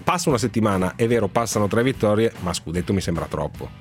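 A man's voice: on the low side, lively intonation, fast talker, darkish tone, soft background music. A man hosting sports radio in casual chat, with an ironic, bantering way of talking.

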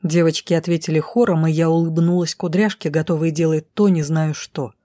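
A woman reads a fantasy audiobook with tense, urgent drama. Her voice sits low and sounds mellow and dark. The sound is dry and close, with no room around it. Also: steady tone, a little fast, no echo. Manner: voices the characters' lines herself, tense and urgent. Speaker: audiobook narrator.

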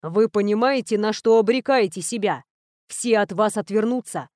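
A woman's voice: medium pitch, moderate pace, no room sound, clean studio sound, lightly acted. A woman reading an earnest young knight. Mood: quiet, hurt. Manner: quiet, serious, pleading. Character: earnest, lovesick young male knight-mage. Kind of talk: audiobook character reading.

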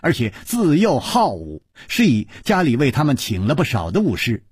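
A man narrating a martial arts story in a measured, dramatic way. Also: medium pitch, wildly swooping pitch, breathy edge, no room sound, studio quality.

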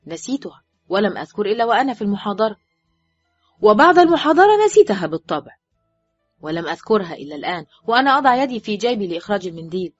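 A woman's voice: medium pitch, very animated, very fast, husky, dry recording. A woman reading an audiobook voices a man, a surgeon, dry and easily irritated, curt and sardonic. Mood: defensive. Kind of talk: audiobook character voice. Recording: dull, dry recording with faint music.

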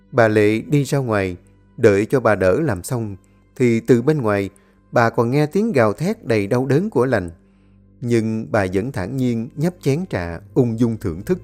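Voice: mid-range voice, a little mellow. A storyteller reading a family drama with scripted, dramatic narration.

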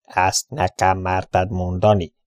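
A man's voice: low voice, flat delivery, darkish tone, no echo, clean studio sound, close to an everyday voice. Red Bud, a man doing a red-faced gang boss. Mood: provoking. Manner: challenging, growling.

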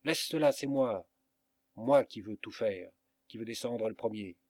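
A man voicing a greedy old rope-maker who shouts possessively, in a storybook reading. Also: fairly low pitch, measured pace, no room sound. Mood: frantic. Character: greedy old male rope-maker, frenzied over gold.

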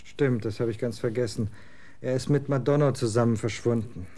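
A male actor in a German radio drama takes on the part of a scornful, moody rocker son, aged 20, who talks in blunt slang and gets excited fast. His voice is mid-range and the performance lightly acted.

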